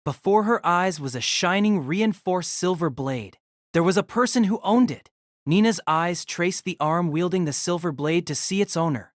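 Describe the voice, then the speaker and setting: Reading from a script, a man narrates an audio drama with expressive, dramatic storytelling at a normal speed. His voice is fairly high for a man, and the sound is close, dry and echo-free.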